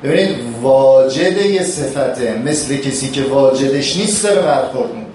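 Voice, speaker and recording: Man, stern seminary lecture, emphatic scolding, booming hall echo, distant mic. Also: expressive, darkish tone, slight background noise. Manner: admonishing, emphatic, rising for stress. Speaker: seminary teacher. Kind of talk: classroom sermon. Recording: echoey hall from far off.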